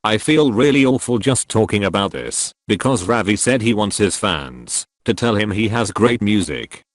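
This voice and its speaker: Low text-to-speech male voice. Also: normal speed, dry recording. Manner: even, synthetic reading pace. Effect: text-to-speech robot voice. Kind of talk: scripted opinion commentary read by text-to-speech.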